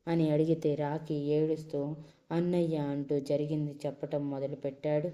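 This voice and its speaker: A woman storyteller who reads an emotional love story aloud with dramatic, expressive narration. Her voice is low and very mellow, with a soft, dark tone. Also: normal speed.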